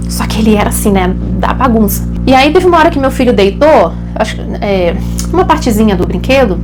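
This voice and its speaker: Woman, Brazilian Portuguese accent, young adult, high-pitched, animated casual storytelling, faint background music. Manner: animated, chatty, addresses viewers as gente, acts out quotes. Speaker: vlogger and mother.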